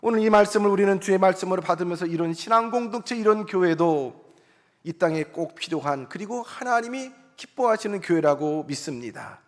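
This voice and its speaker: Man, pastor, sermon, high-pitched, earnest conversational preaching, church sanctuary, reverberant hall. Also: lively intonation, fairly quick. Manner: earnest, conversational preaching with voiced inner thoughts.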